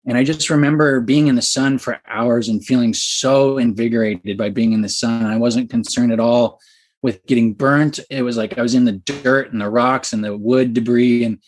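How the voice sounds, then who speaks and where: A man in early adulthood speaks as a podcast guest. He tells his story with excited, animated energy and fills it with likes and ums. His voice sits in a middle range. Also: mid-range voice, moderate pace. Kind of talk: casual storytelling.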